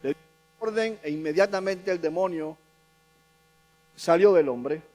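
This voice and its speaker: High-voiced man preaching a sermon. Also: unhurried, darkish tone. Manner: emphatic, repeating key phrases for stress. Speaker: pastor.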